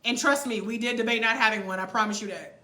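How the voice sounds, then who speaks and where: Loud, sharp, high-voiced American woman. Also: fast talker. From United States. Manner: emphatic, blunt, preachy, stretches key words for effect. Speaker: livestream host coaching on moving abroad. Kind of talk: motivational livestream talk to viewers.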